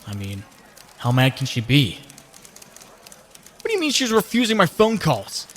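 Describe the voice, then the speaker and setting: A man's voice: on the high side, wildly swooping pitch, normal speed, a bit bright, slight background noise. A man voicing an anxious, wisecracking young superhero in a comic dub, talkative and earnest. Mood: stressed, brooding.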